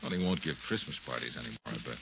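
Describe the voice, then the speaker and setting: A man playing a gentle, flirtatious American private detective in vintage radio drama. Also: extremely low pitch, expressive, very fast, gravelly, heavily acted. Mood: wry. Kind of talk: 1940s-50s radio drama acting. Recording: noisy, muffled vintage radio recording.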